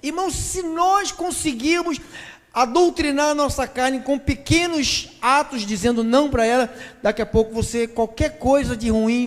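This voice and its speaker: A man with a Brazilian Portuguese accent, preaching a sermon as pastor in a lively, joking way and calling the listeners brothers. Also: very high voice, in a large hall.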